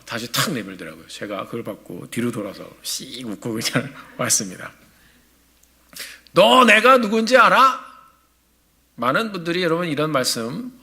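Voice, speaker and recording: A male pastor in his forties preaching a sermon in a church, telling a story in a lively, animated way. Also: medium pitch, vocal fry. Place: church sanctuary.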